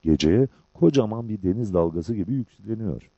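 A man narrating an audiobook in a measured storytelling manner, in a dull lo-fi recording. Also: lowish voice, animated, gravelly, slightly rough, dry recording.

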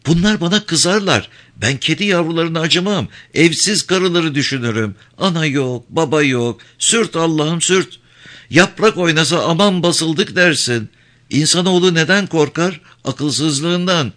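A man's voice: a little high, unhurried, fairly bright tone, voice pushed up. A man reading a novel aloud, voicing a worldly, outspoken woman who talks bluntly. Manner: blunt, unabashed and mocking. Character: brash, worldly woman, a seasoned streetwalker.

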